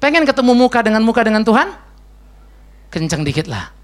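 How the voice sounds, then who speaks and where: A man's voice: high-pitched, very animated, a little fast. A man pastor giving a casual, joking sermon and answering questions, slangy and sprinkled with English words. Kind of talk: conversational sermon with Q&A.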